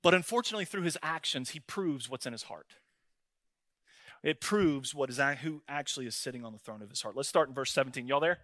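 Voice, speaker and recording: A man's voice: mid-range voice, a little fast, fairly bright tone, dry recording. A male pastor, preaching a folksy, story-driven sermon that he keeps punctuating with "right?" and "man.".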